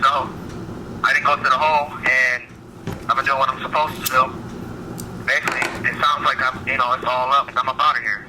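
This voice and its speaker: A man's voice: mid-range voice, little pitch movement, normal speed, pauses often. A man phoning in from prison, heard over a speakerphone call, chatting casually with short, easygoing replies. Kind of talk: casual chat. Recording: noisy speakerphone call from afar.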